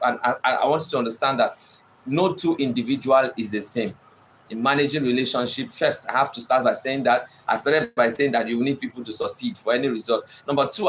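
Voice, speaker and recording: A man's voice: medium pitch, fairly bright tone, a little hiss or hum. Emphatic man teaching on leadership. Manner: repetitive, emphatic, addresses listeners directly. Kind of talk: motivational teaching monologue.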